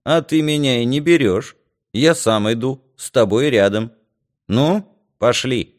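A man reading aloud, voicing a teenage boy who calmly and firmly insists on leaving. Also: medium pitch, a little slow, voice pushed up, lightly acted. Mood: resolute. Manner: firm and calm, set on leaving. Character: stubborn, quietly determined teenage boy.

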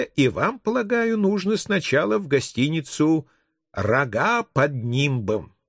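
A man's voice: medium pitch, slightly rough, no echo, studio quality, exaggerated voice. A male audiobook reader voicing a polite, elderly male vampire stationmaster in a storybook reading. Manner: courteous, obliging.

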